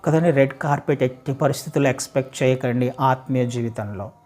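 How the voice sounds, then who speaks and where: A man preaching a sermon who asks his listeners questions, repeats phrases in building series, and swings between loud calls and low, slow stretches. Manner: asks rhetorical questions, addresses listeners directly.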